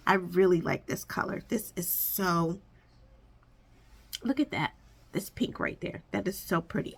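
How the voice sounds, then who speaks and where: With a lowish, gravelly, slightly rough voice, this woman rambles casually to her viewers about her makeup collection as a beauty vlogger. She thinks aloud and corrects herself along the way, and background noise is audible.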